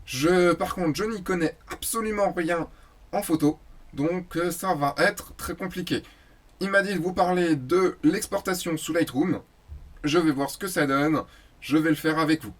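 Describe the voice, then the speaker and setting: A man voicing a clueless talking plush toy dog, in a slow, hesitant, raised put-on voice. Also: on the high side, voice pushed up, lightly acted. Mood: feigned innocence. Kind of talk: comic skit.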